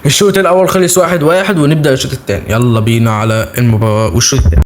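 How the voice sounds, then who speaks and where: A young man with an Egyptian accent, hosting a gaming channel and giving excited live commentary as he plays, cheering his players on. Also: medium pitch, rapid-fire, slight background noise. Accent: Egyptian Arabic.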